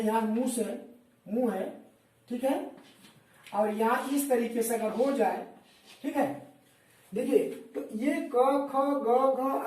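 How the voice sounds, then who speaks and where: A woman's voice: fairly high pitch, darkish tone. A woman teacher giving a classroom lesson, drilling questions and answers. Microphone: far camera. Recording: echoey room from far off.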